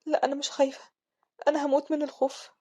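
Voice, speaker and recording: A woman's voice: high voice, flat delivery, racing, mellow, lightly acted. A woman with an Egyptian accent voicing an anxious young noblewoman who frets aloud, repeating worried questions. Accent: Egyptian Arabic.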